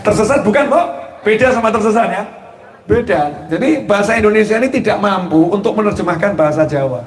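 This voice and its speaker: A man preaching a sermon in a lively way, asking the crowd rhetorical questions, stretching out key phrases and bursting into loud raised passages. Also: high-pitched, roomy sound. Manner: drawn-out emphatic phrasing with frequent chuckles.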